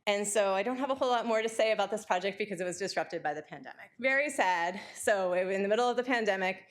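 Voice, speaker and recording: A woman giving an academic lecture, talking quickly and excitedly with frequent fillers and restarts. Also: medium pitch.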